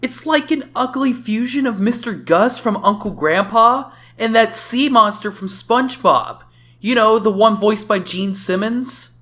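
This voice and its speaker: Here a video game reviewer, a woman with a slightly high, somewhat bright voice, delivers unhurried commentary that's casual, sarcastic, and often exclamatory. Faint game music sits behind her voice-over.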